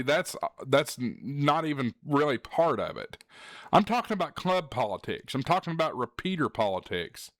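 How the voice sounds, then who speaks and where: Hosting his ham radio hobby show, a man talks straight to camera in a relaxed, sincere, encouraging way, leaning on important words. His mid-range voice has a slight brightness, and the clean studio sound carries no room tone.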